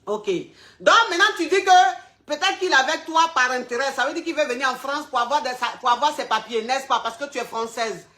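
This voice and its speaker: On a live advice show, the female host addresses her caller as "ma chérie," talking bluntly and going over the same points again and again. She sounds high-pitched, fairly quick, pushed, and bright.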